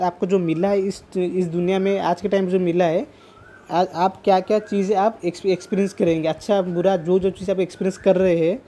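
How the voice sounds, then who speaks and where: A man teaching palm reading in a casual talk to camera, his voice mellow and relaxed. He restates points as he goes and slips English terms into his sentences. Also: high voice. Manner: repeats and rephrases points while explaining; sprinkles English terms into speech. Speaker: palm reader.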